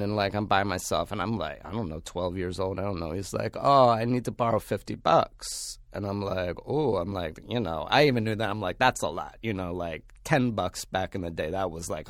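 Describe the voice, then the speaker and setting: Rambling low-voiced man telling stories. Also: no echo, studio quality. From Pennsylvania, United States. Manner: rambling, heavy use of fillers, blunt and profane. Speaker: podcast guest. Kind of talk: casual storytelling.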